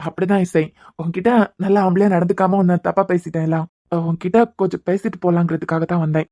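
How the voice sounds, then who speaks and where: A woman's voice: lowish voice, level tone, fast talker, warm tone, no room sound. An earnest young cartoon guy, kanyakumari accent, apologetic, making long heartfelt speeches, dry close sound. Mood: tender. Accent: Kanyakumari Tamil. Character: earnest young man pleading with his love. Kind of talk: cartoon serial voice acting.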